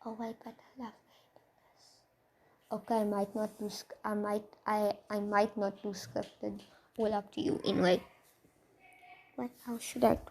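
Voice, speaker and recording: Tired, rambling woman with a gravelly voice. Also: medium pitch, little pitch movement, moderate pace, a little mellow, a little hiss or hum. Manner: rambling, tired, many restarts. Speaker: fan story creator. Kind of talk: improvised fan story narration.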